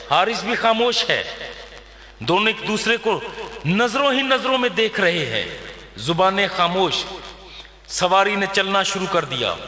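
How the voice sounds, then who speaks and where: A man's voice: high voice, sharp tone. A Pakistani man preaching a dramatic storytelling sermon, repeating phrases for emphasis. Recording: echoey hall with long reverb.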